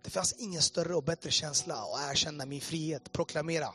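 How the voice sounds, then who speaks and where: A middle-aged man telling his testimony as a sermon, acting out past conversations with swings between loud bursts and quiet asides. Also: fairly high pitch, faint music behind. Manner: storytelling, reenacts conversations with a quoting "jag bara"; passionate, rises and drops sharply in loudness. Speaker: preacher giving his testimony.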